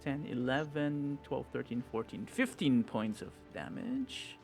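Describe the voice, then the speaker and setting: A man's voice: mid-range voice, big pitch swings, a little slow, gravelly, a little mellow, faint music behind. A man narrating a tabletop game as game master, describing the action and laughing along with his players.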